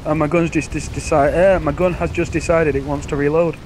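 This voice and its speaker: A man with a slightly raised pitch barking dry orders as the gunner in an online match. A faint background noise sits under his voice. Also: flat delivery, fairly quick, darkish tone. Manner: dry, bossy callouts. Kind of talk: casual gaming chatter.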